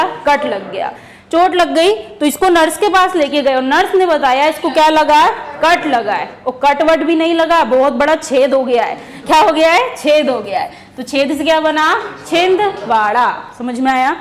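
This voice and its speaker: A woman teacher giving an exam-prep lesson, asking questions and answering them herself while repeating key words. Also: high-pitched. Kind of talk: exam-prep lesson using memory stories.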